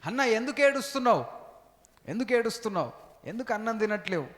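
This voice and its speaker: A man acting out a caring husband, soft and pleading, asking slow questions in a high voice. the words ring out with a long reverb, as in a big hall. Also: sing-song. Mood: tender pleading. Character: gentle caring husband comforting his wife.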